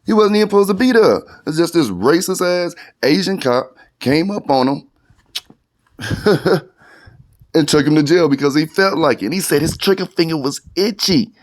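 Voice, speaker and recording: A man's voice: fairly high pitch, expressive, normal speed. A man co-hosting a casual commentary video, talking in an indignant, slangy, loose way. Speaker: co-host.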